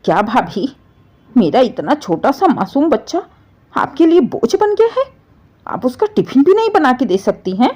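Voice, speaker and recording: A woman's voice: fairly high pitch, lively intonation, unhurried, pauses often, warm tone, dull audio. A woman voicing a young married daughter who accuses her sister-in-law in a whiny, tearful way. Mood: accusing. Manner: whiny, accusing, rises sharply.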